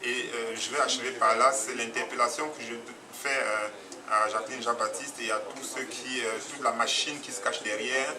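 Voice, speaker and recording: Praising a documentary, a Cameroonian man in the audience makes an earnest, unplanned comment, halting and full of fillers and restarts. He speaks at normal speed with a medium pitch and fairly even intonation, recorded from a distance amid crowd noise.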